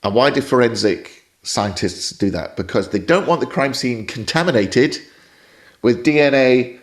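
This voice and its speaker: An expressive, medium-pitched male voice at a moderate pace comes from a jazz saxophone teacher from Scotland with a British accent. On a podcast as a guest, he gives reflective, explanatory replies that frequently wander.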